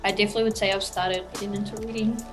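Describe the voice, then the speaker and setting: A woman's voice: medium pitch, little pitch movement, rapid-fire, faint music behind. A young woman who grew up between New Zealand and Australia, a college basketball player answering interview questions casually with many fillers. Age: young adult.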